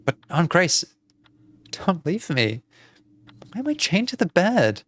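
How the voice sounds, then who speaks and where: A frightened little girl from a dark video game, pleading and bewildered, voiced by a man in a raised, childlike pitch. Her words come out lifted and urgent, as if on the verge of tears. She sounds small and desperate for answers. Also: very animated, takes it slowly, husky, heavily acted.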